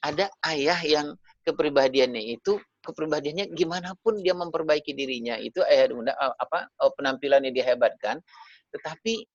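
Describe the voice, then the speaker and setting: A man with a gravelly, creaky voice talks parents through a webinar over a video call. He addresses them directly and sprinkles tag fillers between his points. The sound is dull and lo-fi, with a dry, close feel. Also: a little high, fairly quick, no echo. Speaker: parenting speaker.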